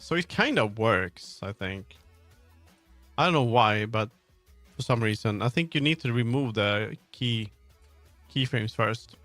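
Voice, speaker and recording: A male game developer with a lowish, fairly bright voice streams at a measured pace, animated but pausing often. The close, echo-free sound catches his casual, rambling chat while he works, as he thinks aloud and trails off mid-sentence over background music.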